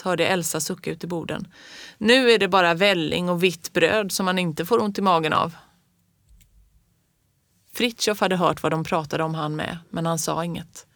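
A woman's voice: fairly low pitch, no echo. Woman reading a storybook, dry sound. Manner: lively, expressive reading. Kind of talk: storybook narration.

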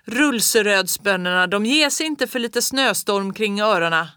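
A reader voicing a sour, stern farmer father who calls out loudly over a storm. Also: medium pitch, animated, smooth, no room sound, clean studio sound. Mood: rousing. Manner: calling out loudly over the wind.

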